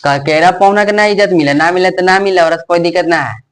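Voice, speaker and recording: A man's voice: sits high, a little fast, fairly bright tone, smooth. A man playing a pushy village man in a rustic comedy skit, with a Magahi accent from Bihar. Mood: complaining. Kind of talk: rural comedy skit dialogue.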